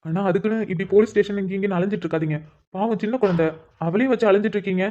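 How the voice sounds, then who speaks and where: A woman voicing a calm, reassuring male police inspector in a cartoon, speaking steadily and with authority. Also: medium pitch, racing, muffled recording, lightly acted. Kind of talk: cartoon voice acting.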